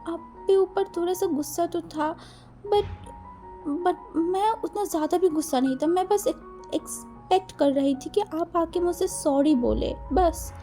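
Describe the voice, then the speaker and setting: A woman's voice: very high-pitched, a little slow, dark tone, soft background music, voice pushed up. A woman doing a shy, stammering young husband. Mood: shy, flustered. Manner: stammering, hesitant. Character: flustered, shy young husband, easily embarrassed.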